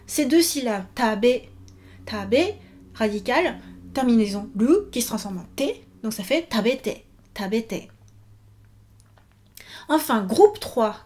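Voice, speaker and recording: A woman's voice: a little high, darkish tone. A woman teaching Japanese verb forms in a video lesson, patiently repeating each example.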